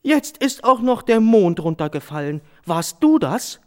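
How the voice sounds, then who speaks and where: A man's voice: high voice, sing-song, measured pace, darkish tone, voice pushed up. A man doing a tired, impatient mother.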